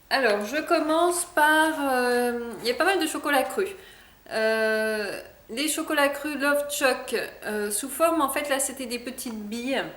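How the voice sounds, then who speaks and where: A woman's voice: a little high, a bit bright, roomy sound. A woman chatting casually in a product review vlog, hesitant with many fillers. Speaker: vlogger.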